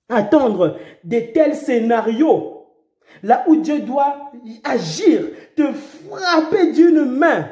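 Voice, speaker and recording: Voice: medium pitch, warm tone, roomy sound. A preacher delivering an impassioned sermon, repeating phrases and breaking into dramatic cries.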